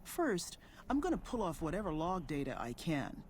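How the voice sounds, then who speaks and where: A polite, measured male scientist from a video game. He speaks with a fairly high voice for a man. Faint background noise sits behind him. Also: huge pitch swings. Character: calm male scientist from an aid group.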